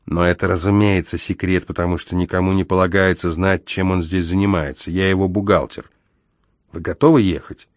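Nervous rat-like accountant played by a man, jittery, squeaky, secretive, low dry reading voice underneath. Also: steady tone, a little fast, no echo, close to an everyday voice. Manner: nervous, squeaky when frightened.

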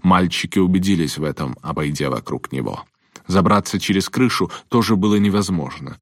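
A man narrating an audiobook chapter in a measured, steady storytelling manner. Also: low-pitched, no room sound, studio quality. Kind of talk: scripted narration.

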